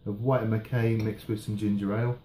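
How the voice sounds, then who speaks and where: A British man in his thirties chatting casually and haltingly in a relaxed, rambling review, often trailing off. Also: fairly low pitch. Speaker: pipe tobacco reviewer. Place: indoors, small room at home. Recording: roomy echo, faint background noise.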